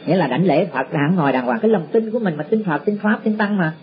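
A man giving a Buddhist dharma talk to disciples. He teaches slowly and repeats words as he searches for them. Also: high voice. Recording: muffled lo-fi recording with faint background noise.

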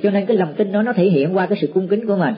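A man giving a Buddhist dharma talk to disciples. He teaches slowly and repeats words as he searches for them. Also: high voice. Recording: muffled lo-fi recording with faint background noise.

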